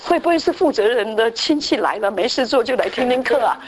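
A woman's voice: a little high, lively intonation, fast, a little hiss or hum. A woman preacher delivering a conversational sermon that tells a story, with frequent restarts and tag questions.

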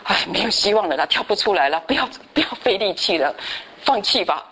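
A woman voicing frogs yelling to give up. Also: medium pitch, animated, brisk, slightly rough. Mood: dismissive. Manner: shouting, telling others to give up. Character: discouraging frogs calling down from a pit's edge.

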